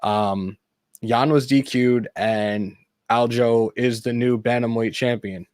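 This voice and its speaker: A man co-hosting a sports podcast in casual chat, animated and quick to rant and laugh. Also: mid-range voice, no echo, clean studio sound. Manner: animated, ranting, laughs easily. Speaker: podcast co-host.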